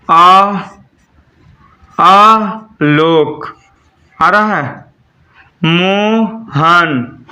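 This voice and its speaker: A man teaches a classroom lesson in a high, bright voice. He speaks slowly, spells words out letter by letter and keeps putting questions back to his students, with a board behind him. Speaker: English teacher.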